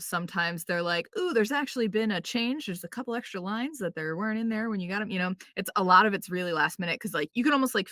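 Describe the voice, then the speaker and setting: A voice actress appears as a guest in a casual podcast interview, chatting away with plenty of fillers like "like" and "um" and acting out quotes. Her voice sits fairly low with a sharp tone. The sound is clean and studio-quality, with no room sound.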